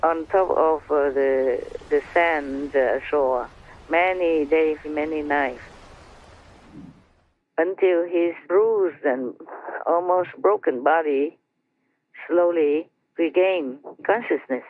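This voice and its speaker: A woman slowly telling a story to her team over a conference line, chatty and laughing between phrases. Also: sits low. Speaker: spiritual teacher telling a story. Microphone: phone or conference line. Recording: tinny dry phone line.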